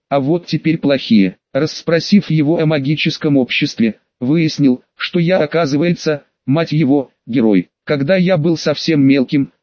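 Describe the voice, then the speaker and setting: A man's voice: a little high, no room sound. A man narrating an audiobook in the first person, wry and sarcastic with crude slang, on a slightly dull, dry recording.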